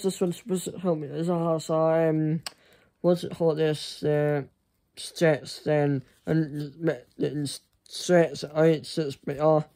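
A young man chatting casually to camera in a halting, rambling way that often trails off. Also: fairly high pitch, gravelly, mellow. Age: young adult. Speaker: vlogger. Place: small furnished room indoors. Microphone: phone at arm's length.

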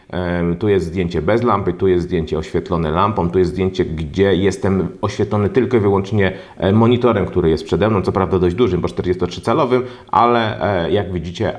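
A man with a very deep voice walks through a phone review at home. He keeps stopping mid-sentence on long hesitant fillers. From Poland. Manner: hesitant, many drawn-out fillers. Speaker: tech reviewer. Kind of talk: product review narration. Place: home room with a large monitor.

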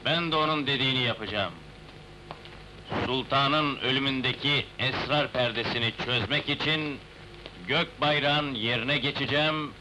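An actor playing a grave, commanding leader in an old Turkish historical film. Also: male voice, mid-range voice, normal speed, close to an everyday voice. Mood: grave, resolute. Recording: noisy old film soundtrack.

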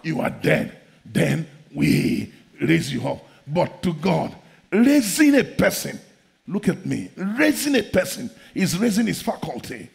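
A middle-aged man preaching a sermon in a large church hall, fervent and repetitive, often breaking into shouts. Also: fairly high pitch, wildly swooping pitch, measured pace, creaky, breathy edge.

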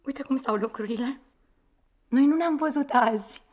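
A sardonic, unfaithful woman with a high voice. She answers in clipped, sarcastic retorts and needles her lover mercilessly. Cool and mocking. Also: a little mellow. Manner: curt, sarcastic, cutting one-word retorts. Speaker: mistress in a radio play. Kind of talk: radio theatre acting.

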